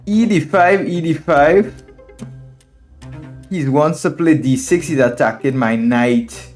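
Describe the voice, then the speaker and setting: Slow and a little mellow, this man's slightly high voice carries a Trinidadian accent. He is a chess streamer and instructor from Trinidad and Tobago giving live game commentary, reasoning aloud, repeating phrases, and addressing viewers as friends while background music plays.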